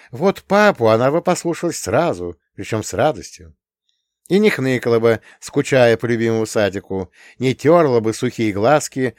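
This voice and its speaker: A man narrating an audiobook with expressive storytelling. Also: fairly low pitch, no room sound, studio quality.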